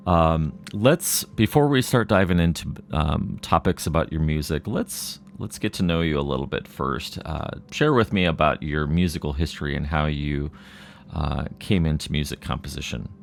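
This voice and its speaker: A man hosting an interview podcast, his voice sitting very low with a gravelly fry at the bottom. He opens with a polished scripted welcome, then settles into an easy chat with his guest. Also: normal speed, slight background noise. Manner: polished scripted intro, then relaxed and chatty. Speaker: podcast host.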